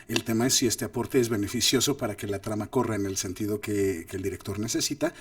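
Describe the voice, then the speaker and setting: Guy teaching acting, chatty and animated, mic a bit far off, dry sound. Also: lowish voice, fast, dry recording. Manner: animated, demonstrates lines with exaggerated voices. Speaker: host and filmmaker teaching acting. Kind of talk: casual masterclass talk.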